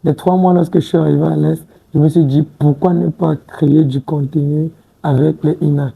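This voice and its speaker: Gravelly, husky man in his twenties. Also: a little high, level tone, moderate pace, dark tone, low-quality recording. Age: 20s. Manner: hesitant, repeats words and restarts, says "tu vois un peu". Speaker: interview guest. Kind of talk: casual interview talk. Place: TV studio set.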